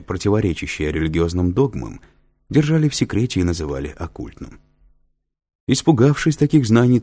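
A man's voice: low voice, vocal fry, mellow, slightly rough, full character voice. A man reading an audiobook, voicing a patient male professor who explains and lectures with dry humor. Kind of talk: audiobook character voice.

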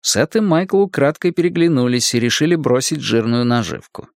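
A man reading an audiobook in a measured, descriptive storytelling manner. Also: medium pitch, expressive, dry recording, clean studio sound. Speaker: audiobook narrator. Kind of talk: scripted narration.

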